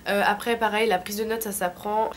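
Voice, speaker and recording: A woman's voice: mid-range voice, fairly even intonation, brisk, slight background noise. A woman in her late teens from France with a thick, sore-throat voice from tonsillitis, giving informal, slangy advice in a casual vlog. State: sick with a throat infection. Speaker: vlogger.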